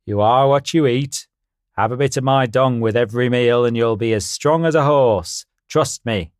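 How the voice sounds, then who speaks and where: A man voicing a brawny, blunt male brumby horse in a storybook reading, talking in a gruff, deadpan way. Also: mid-range voice, moderate pace, no echo, clean studio sound, close to an everyday voice. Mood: boastful.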